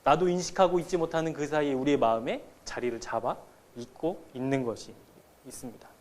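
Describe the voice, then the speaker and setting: A man's voice: mid-range voice, fairly quick, darkish tone. A man in his thirties, a pastor preaching a sermon in a conversational, storytelling way to his congregation. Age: 30s. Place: church sanctuary.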